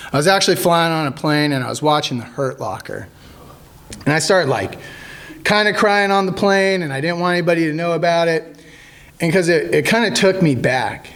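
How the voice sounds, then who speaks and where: A man in his thirties, an army veteran, telling stories casually to a group, joking and halting with many fillers. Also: fairly high pitch. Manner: jokey, animated when acting out quotes.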